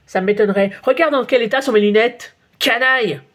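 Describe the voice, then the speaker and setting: A woman voicing a grumpy, touchy male photographer who shouts and blusters. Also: a little high, very fast, lightly acted. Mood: angry.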